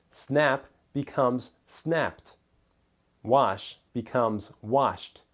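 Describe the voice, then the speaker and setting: Male teacher, scripted lesson narration, slow and careful, mid-pitched. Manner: careful, deliberate enunciation of single words. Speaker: English pronunciation teacher.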